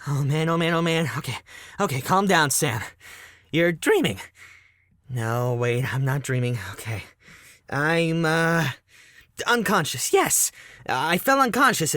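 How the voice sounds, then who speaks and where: A man's voice: on the high side, sharp tone, no echo, studio quality, pitched above the performer's own voice. A man voicing a panicked young man turned into a blue hedgehog creature, babbling to himself in an amateur audio drama.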